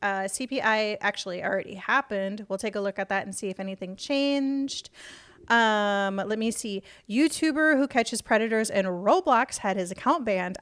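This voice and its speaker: An adult woman who is a parent streams her reactions to the day's news in a casual chat, rambling and launching into fired-up rants with heavy swearing whenever she gets passionate. Her voice is medium-pitched and fairly bright.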